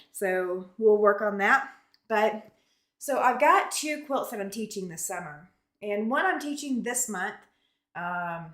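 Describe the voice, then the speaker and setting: An echoey, warehouse-like garage sound surrounds a woman hosting a casual livestream. She speaks at a middle pitch, chatting directly to her viewers in an informal, unscripted way. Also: a bit bright. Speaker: livestream host of a quilting channel. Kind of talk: casual live-stream chat. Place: garage studio, indoors.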